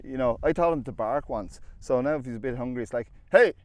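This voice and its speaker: A man's voice: mid-range voice, fast, darkish tone, dry recording. An Irish man who farms sheep, explaining his dog work casually with wry, colloquial storytelling out in open fields. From Ireland. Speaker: sheep farmer and sheepdog handler. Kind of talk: casual explanation while working dogs. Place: outdoors in open hill fields. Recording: outdoor recording with clear background noise.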